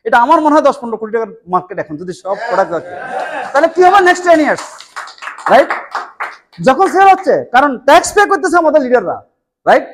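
A man in his forties from Bangladesh with a Bangladeshi Bengali accent, giving an animated motivational seminar in a meeting room on a lapel mic, full of rhetorical questions. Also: extremely high pitch, fast talker, pauses often, slight background noise. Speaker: motivational speaker.

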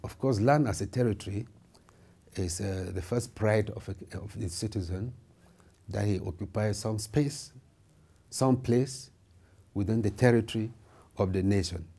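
Middle-aged male lawmaker, formal and measured with pauses, dark warm low voice, seated office interview. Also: gravelly, breathy edge. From Cameroon. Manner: measured, formal, with frequent hesitations. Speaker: member of parliament and lawyer. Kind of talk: reflective interview answers. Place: indoor office with wood paneling.

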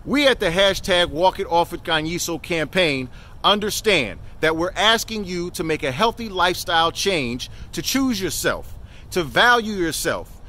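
A man hosting a fitness campaign, giving a motivational address in a loud drill-sergeant style, recorded outdoors. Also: high voice.

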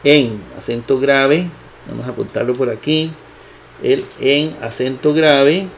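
A man teaching a grammar lesson at his computer, speaking slowly with many fillers and rhetorical questions. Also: medium pitch, vocal fry, a little hiss or hum. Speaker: Bible teacher.

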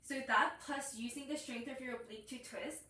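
In a small curtained room with a yoga mat, a young woman teaches yoga while a far camera picks her up amid clear echo. Her voice is a little high, pushed and bright, a bit fast, as she explains each point and interrupts herself to call inhales and exhales through the poses.

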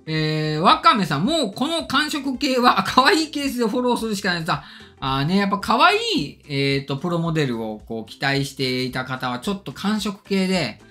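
His voice is high and bright with a forceful tone, big pitch swings, and a moderate pace. A middle-aged tech channel host at a desk in an indoor studio or room, faint music behind, he casually reads and answers viewer comments politely and emphatically, orthodontic braces slightly slurring his diction.

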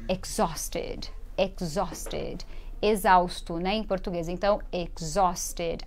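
A woman from Brazil hosting a live online English lesson, explaining words in a lively way and getting viewers to repeat after her. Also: medium pitch. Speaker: English teacher and show host.

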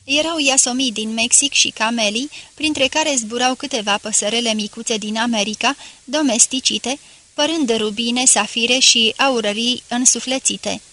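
A woman reading a classic novel aloud as an audiobook narrator, in a measured, literary manner. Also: fairly high pitch, sharp tone. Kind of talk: scripted narration.

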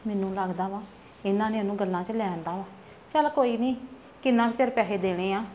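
A woman's voice: medium pitch, a little fast, darkish tone, slight background noise, natural voice. A woman playing a worried middle-aged village mother who lectures her son. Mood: fussing. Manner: chiding, lecturing. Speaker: actor. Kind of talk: family drama skit.

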